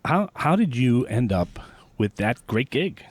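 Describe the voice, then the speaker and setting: Lively male podcast host. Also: medium pitch, a little slow, husky. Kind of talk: interview questions.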